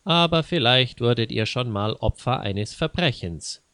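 A man's voice: mid-range voice, lively intonation, a little slow, a bit bright, clean tone, no echo. A man voicing a sarcastic, mocking grown man who taunts a frightened companion in a read-aloud story. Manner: sarcastic, sneering.

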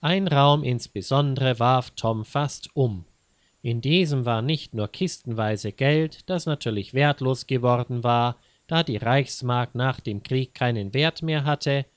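A man reading an audiobook story at a slow, unhurried pace, calm and measured. His voice sits in a middle register and sounds close and dry, with no room around it. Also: mid-range voice, no echo. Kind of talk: audiobook narration.

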